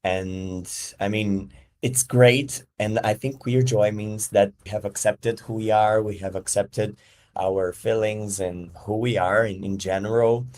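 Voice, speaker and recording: A man's voice: lowish voice, steady tone, unhurried, a little mellow. A man from Brazil, a podcast guest giving thoughtful answers while searching for words. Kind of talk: casual interview answers.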